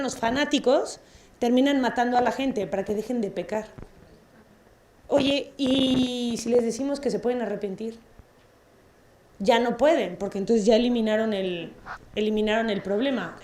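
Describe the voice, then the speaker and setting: Brief: woman lecturer with a fairly high voice, lively and playful with the audience. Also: moderate pace, slight background noise. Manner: lively, asks the audience questions, playful asides. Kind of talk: public talk with audience questions. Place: auditorium.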